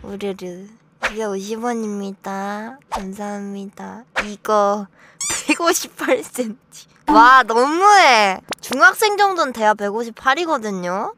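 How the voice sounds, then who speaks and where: A woman virtual streamer reading out viewer donations and exclaiming excitedly. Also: mid-range voice, a little slow, slight background noise. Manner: excitable, exclaims and yells playfully.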